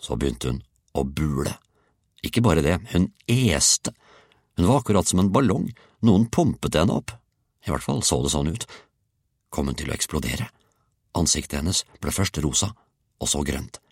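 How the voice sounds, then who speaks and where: A man reading a children's story aloud, with an expressive, playful delivery. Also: a bass voice, long pauses, husky, dry recording, clean studio sound. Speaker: audiobook reader. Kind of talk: storybook narration.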